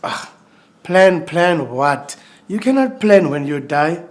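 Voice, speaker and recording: An actor plays a weary, exasperated nephew greeting mourners after his uncle's death. His fairly high voice swings widely in pitch, and he takes his time.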